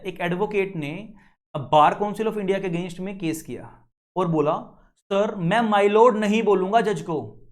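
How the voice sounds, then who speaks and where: An Indian man in his young adult years delivers a lecture in a high, lively voice. He talks to his students directly, scolding and joking with them, and slows down to read out English legal definitions. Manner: lively, scolding, switches between Hindi and English legal phrases. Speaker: teacher.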